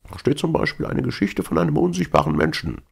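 A man's voice: a little high, fast talker, creaky, husky, voice pushed up, heavily acted. A man voicing an older, talkative sailor who tells news with firm assurance, in a storybook reading. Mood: gossipy. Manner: assertive, storytelling. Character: older chatty sailor man, gossipy and probing.

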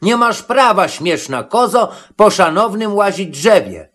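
A man's voice: high voice, lively intonation, unhurried, a bit bright, pitched above the performer's own voice, exaggerated voice. A man voicing an angry, pompous talking tree in a storybook reading, scolding.

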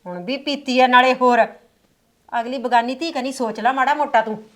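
A woman's voice: sits high, normal speed, fairly bright tone. An actress playing a stern but caring village mother who soothes her daughter-in-law and scolds her drinking son. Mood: scolding. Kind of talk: village family drama acting.

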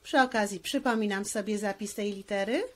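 A woman's voice: medium pitch, fairly quick. A woman teacher giving a handwriting lesson, explaining each stroke patiently, step by step.

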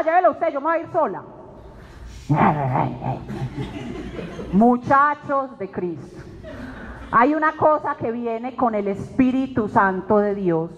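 A woman giving an emotional testimony sermon to a faith group, telling her story dramatically and acting out her own words. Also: medium pitch. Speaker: speaker at a weekly faith meeting. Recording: dull recording in a reverberant hall.

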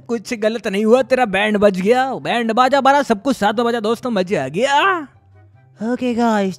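A man from India, giving loud, excitable gameplay commentary full of teasing banter and sudden shouts. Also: very high voice. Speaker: gaming YouTuber.

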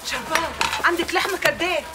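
An actress playing a bustling, deferential village housewife with an Upper Egyptian accent in a television drama. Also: female voice, very high voice, fast, very noisy. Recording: music behind the voice. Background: music.

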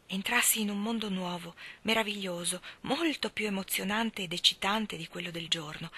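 A woman narrating a story aloud in a measured, expressive way, often dropping to a near whisper. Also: fairly low pitch, breathy edge. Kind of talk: storybook reading.

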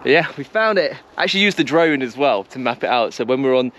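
A man's voice: medium pitch, animated, fast, a bit bright, highs cut off, a little hiss or hum. A young man vlogging on an open hillside with an action camera held at arm's length, chatting casually and giving directions with a few jokes. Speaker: vlogger hiking guide. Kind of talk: casual outdoor vlog chat.

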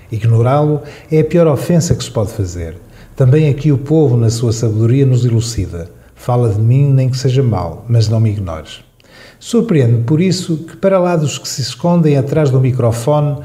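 A man reading his radio opinion column in a measured, dryly ironic way. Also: mid-range voice, warm tone. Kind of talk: read radio opinion piece.

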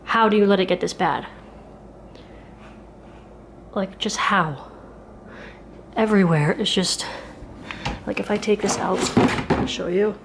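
Speaking at a medium pitch, a woman in her thirties takes it slowly, her voice creaky and broken by long pauses. She rambles casually with plenty of fillers in a home cleaning and cooking vlog from her kitchen, captured on a handheld camera at arm's length. The sound is roomy, and the background is noisy.

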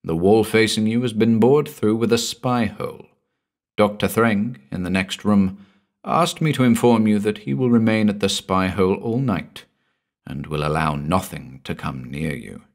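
A man voicing a calm, polite hospital attendant who speaks quietly and deliberately in a story reading. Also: fairly low pitch, close to an everyday voice.

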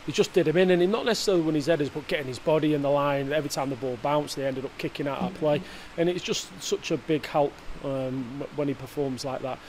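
In an indoor press area in front of a sponsor board, a football manager gives a hesitant post-match interview full of fillers and restarts, recorded close up. His voice is a little high and darkish in tone, fast with few pauses, with a little hiss or hum in the audio.

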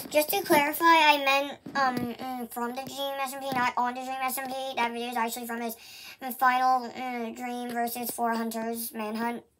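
Squeaky sped-up chipmunk-voice assistant. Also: female voice, little pitch movement, moderate pace, a crowd in the background, poor audio. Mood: correcting. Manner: mock-outraged newscaster reporting. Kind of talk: comedy news bit.

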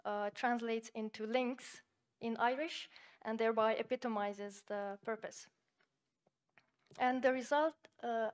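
A Slovenian-speaking woman presents an academic conference talk, walking through a software demo in a measured, explanatory way and using lots of fillers. Her voice is a little high.

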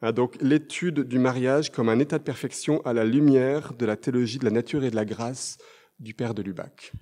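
A man's voice: medium pitch, moderate pace, mellow. A man with a French accent giving an academic conference lecture, hesitating often with fillers and reading quotations aloud. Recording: long hall reverb.

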